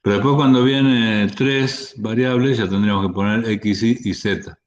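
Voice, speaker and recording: Low-voiced man lecturing on math. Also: steady tone, normal speed, muffled recording, a little hiss or hum. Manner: methodical, with frequent restarts and fillers. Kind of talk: online lecture.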